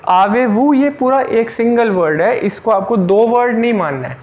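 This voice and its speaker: Male language tutor, high-pitched voice; methodical, repetitive explainer who quizzes the class. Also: highs cut off, a little hiss or hum. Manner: explains step by step, repeats key points, asks rhetorical questions. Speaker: French teacher. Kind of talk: online lesson explained in Hindi.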